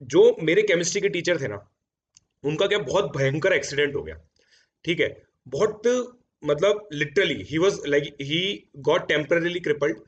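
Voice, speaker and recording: Chatty teacher, slightly high voice. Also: male voice, lively intonation, a little slow. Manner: chatty Hindi-English mix, frequent "theek hai" fillers. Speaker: JEE coaching educator. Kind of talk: casual storytelling to students. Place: home studio. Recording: dull lo-fi sound.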